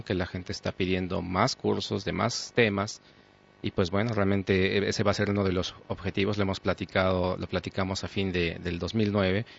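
A man speaks in a low, gravelly voice with very little melody. He talks in a measured, hesitant way and often restarts his sentences. The sound is muffled and lo-fi. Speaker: radio co-host. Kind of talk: casual radio chat. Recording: dull lo-fi radio sound.

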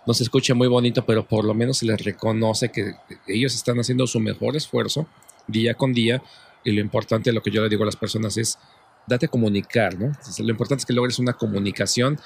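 A man speaks earnestly as a guest on a panel talk show. His voice is low, gravelly and a bit raspy. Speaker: guest commentator.

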